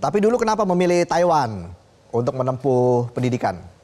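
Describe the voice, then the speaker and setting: A man's voice: medium pitch, very animated, brisk, darkish tone. A man hosting a late night talk show, upbeat and asking short questions. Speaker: TV show host.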